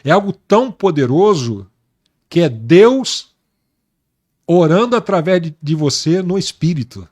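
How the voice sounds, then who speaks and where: A male pastor giving his personal testimony in an interview, speaking earnestly and slowly with emphatic repetition. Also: fairly high pitch, lively intonation, a little mellow. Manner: earnest, slow and emphatic, repeating words for weight.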